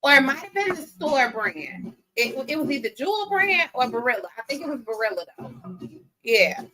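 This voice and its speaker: A middle-aged woman, telling stories in animated, slangy casual chat with plenty of laughs. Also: high voice, moderate pace, rough recording. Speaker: interviewee.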